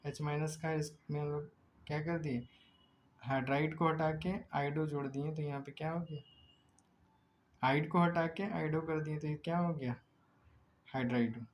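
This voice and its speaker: A man teaching a chemistry lesson. He explains step by step, asks himself rhetorical questions, draws chemical names out slowly and often corrects himself mid-word. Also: on the high side, steady tone, slight background noise, rough recording. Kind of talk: recorded lecture.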